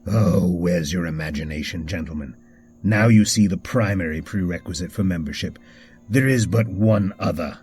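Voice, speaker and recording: A man's voice: deep voice, moderate pace, darkish tone, close to an everyday voice. A man voicing a theatrical male cult leader who hosts a masked ball, speaking in a grandiose, commanding way. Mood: mocking.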